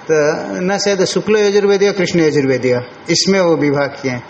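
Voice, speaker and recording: An older man lectures on scripture as a monk teacher, slowly unpacking each Sanskrit word with deliberate chanting. His voice sits a little high for a man. The recording is muffled and lo-fi, with a roomy echo and a faint hiss behind it. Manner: slow, explanatory, chants Sanskrit words deliberately. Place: ashram hall.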